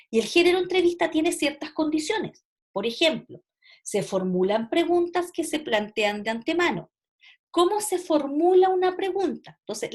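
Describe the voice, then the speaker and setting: A woman lecturing teachers on teaching, explaining step by step and asking many rhetorical questions. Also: fairly high pitch. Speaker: teacher trainer.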